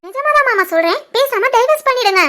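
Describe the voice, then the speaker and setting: A woman voicing an outspoken young daughter-in-law in an animated family drama, defiant and lecturing, with a southern Tirunelveli Tamil accent. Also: extremely high pitch, quick pace. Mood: pleading. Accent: southern Tamil Nadu (Tirunelveli) Tamil.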